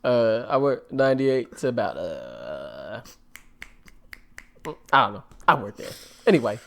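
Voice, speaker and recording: A doddering old grandpa, as a podcast host puts him on, wandering from one half-finished thought to the next. He drifts on and on without reaching a point, at an ordinary middle pitch. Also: big pitch swings, unhurried, vocal fry. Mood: rambling. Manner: meandering, loses his thread. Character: rambling old grandpa man.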